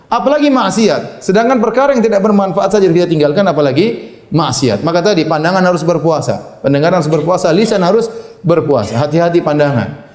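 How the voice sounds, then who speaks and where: A man giving a Ramadan sermon in an animated manner, quoting Arabic and translating it, with humorous asides. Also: a little high. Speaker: preacher. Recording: echoey room.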